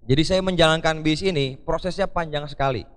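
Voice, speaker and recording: Male motivational speaker with a fairly high voice, animated stage storyteller, recorded live in a hall with a long echo. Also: fairly quick, clear, resonant tone. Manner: lively storyteller who acts out quoted dialogue and keeps addressing the audience. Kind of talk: live stage talk to an audience. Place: large event hall.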